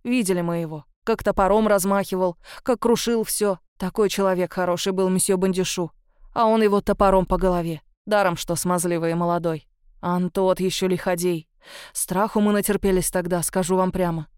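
A timid, rumpled peasant man, voiced by a woman, mumbling deferentially to his betters. The voice is pulled lower than hers and sits close and dry in the storybook read. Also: fairly even intonation, a little mellow, clear, resonant tone, no echo, natural voice. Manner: mumbling, obsequious, slow.

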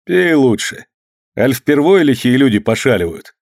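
A man reading aloud, voicing a boastful, hot-tempered rich merchant in a loud, scornful way. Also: mid-range voice, big pitch swings, moderate pace, no room sound, studio quality. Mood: mocking. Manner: loud, scornful tavern talk.

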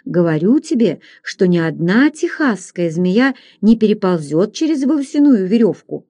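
A woman reading aloud, voicing a gruff, blunt frontier hunter who talks in a low, plain manner. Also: big pitch swings, moderate pace, mellow.

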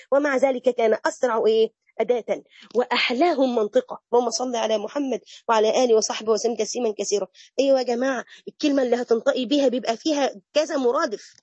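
A woman with an Egyptian accent giving a religious lesson to women, lively and mixing classical phrases with colloquial chat. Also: high-pitched, no room sound, dull audio. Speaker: religious teacher.

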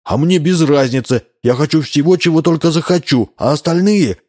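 Man voicing a spoiled little boy, high shrill shouts, whiny, husky edge, storybook. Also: big pitch swings, a little slow, full character voice. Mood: demanding.

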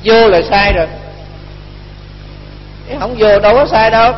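His voice is high-pitched and steady at a normal speed as the monk, a Buddhist teacher, tells stories in a folksy, colloquial dharma talk, voicing each character's lines. The recording is dull and lo-fi, with long hall reverb and a faint hum underneath.

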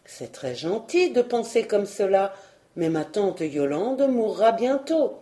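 Vain scheming colonel, read by a woman, smooth persuasive talk, mellow tone, storybook reading. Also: medium pitch, big pitch swings, slow pace.

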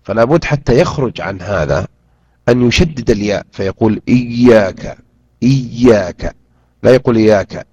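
A man teaching a Quran interpretation lesson, drilling pronunciation and repeating words slowly and deliberately. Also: on the low side, animated, darkish tone, husky, no room sound. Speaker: Islamic teacher. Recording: dull lo-fi recording.

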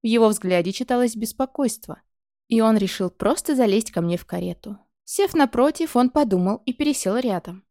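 A woman narrating a first-person audiobook in an expressive, lively storytelling manner. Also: a little high, normal speed, no echo, clean studio sound.

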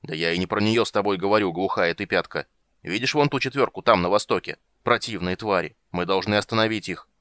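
A man's voice: on the low side, a little fast, fairly bright tone, no echo, natural voice. A man doing Perith, a roaring old gold dragon. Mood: bellowing. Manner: roaring, solemn, easily confused. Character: old half-blind male gold dragon, bellowing and grand.

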